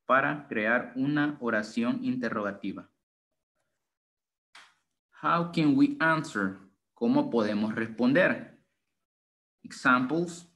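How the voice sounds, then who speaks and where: Brief: young male tutor on a video call, even middle pitch, patient and step-by-step, mixing two languages. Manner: explains slowly, switches between two languages, asks "right?". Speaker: English tutor. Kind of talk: online bilingual grammar lesson.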